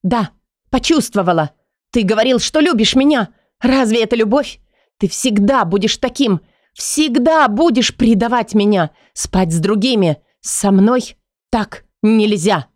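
A young woman reading an audiobook, voicing a jealous, defiant young woman who shouts and pleads. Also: a little high, lively intonation, unhurried, dry recording, studio quality, voice pushed up. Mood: desperate. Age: young adult.

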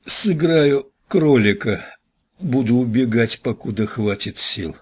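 A man voicing a dying, overweight man who wheezes and pleads in a hoarse, husky voice while coughing up blood. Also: medium pitch, expressive, takes it slowly, pitched above the performer's own voice. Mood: weak.

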